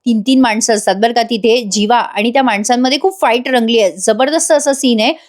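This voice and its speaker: A woman's voice: fairly high pitch, a little fast. Chatty woman recapping a serial. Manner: chatty, addresses viewers directly. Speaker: TV serial reviewer. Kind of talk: voice-over episode recap.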